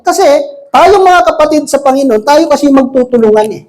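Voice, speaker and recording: A man preaching a casual sermon to a congregation, joking and often checking in with quick rhetorical questions. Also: extremely high pitch, animated, a little mellow, low-quality recording. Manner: jokey, asks the congregation frequent rhetorical questions. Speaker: lay preacher. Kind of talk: conversational sermon. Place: church service with a congregation.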